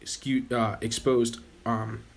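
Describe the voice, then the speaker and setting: Slow and creaky, a young man's mid-range voice narrates gameplay for his gaming channel as he's losing his voice. His commentary is casual and rambling, interrupted by frequent self-corrections.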